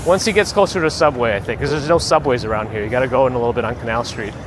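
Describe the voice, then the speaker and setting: A man's voice: mid-range voice, racing. A man live streaming on a walk outdoors, chatting casually with viewers in an unpolished, conversational way. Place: outdoors, walking on city streets and a bridge. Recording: loud outdoor city traffic noise. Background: traffic, vehicles, urban ambience.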